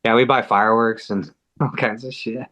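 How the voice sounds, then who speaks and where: A man from the US–Mexico border region, appearing as a podcast guest, tells a story loosely and casually, full of slang, "like," and swearing. His mid-range voice is a bit bright, with a steady tone at normal speed.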